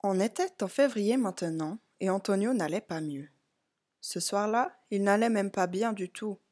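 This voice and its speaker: A woman reading a children's picture book aloud, in a calm, clear storytelling voice. She speaks slowly and gently to a young listener, pitched at an ordinary middle level for a woman. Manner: slow, clear, addressing a child. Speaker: storybook reader.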